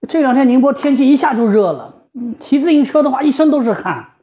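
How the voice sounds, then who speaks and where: A woman's voice: high voice, big pitch swings, quick pace. A woman giving an informal, conversational explanation as a specialist, repeating phrases for emphasis. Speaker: home ventilator specialist and shop staff. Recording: slightly dull, lo-fi sound.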